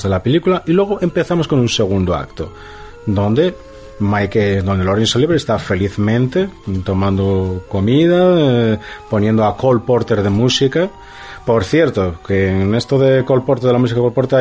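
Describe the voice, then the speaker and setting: A man's voice: medium pitch, a little mellow. A man talking casually about a film, enthusiastic and rambling, with many fillers and restarts. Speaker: film commentator. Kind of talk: casual film chat on a radio show.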